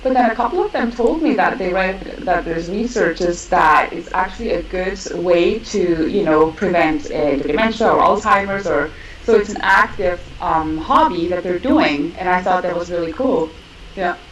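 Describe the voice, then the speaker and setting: A woman in her forties from Switzerland, with a lower voice, chats in a friendly way. Her voice comes across with room echo and a faint noise behind it. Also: lively intonation, normal speed, lo-fi sound. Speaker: roundtable guest, language teacher. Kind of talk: casual conversation.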